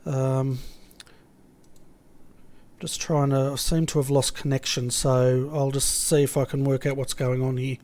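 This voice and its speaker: A man's voice: medium pitch, flat delivery, a little slow, pauses often, a little mellow. A man doing easygoing, casual commentary on an online motor race over voice chat. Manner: easygoing, chatty, laughs with co-hosts.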